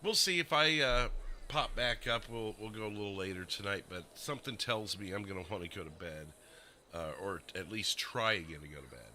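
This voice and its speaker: With slight background noise, a man chats casually with his stream viewers at a desk mic in a fairly low, bright, forceful voice at a brisk clip. As host he drifts from point to point, running himself down and filling gaps with fillers.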